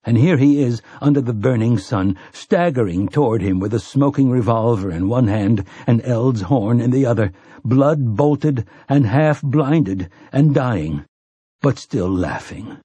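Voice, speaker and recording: Husky man narrating an audiobook. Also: mid-range voice, animated, warm tone, no echo. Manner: measured, intense storytelling. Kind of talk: scripted dramatic narration.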